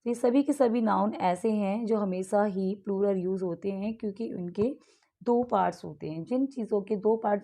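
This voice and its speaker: A young woman teaching English exam practice with an Indian English accent, reading each question slowly and then explaining it in Hindi. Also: mid-range voice, dark tone.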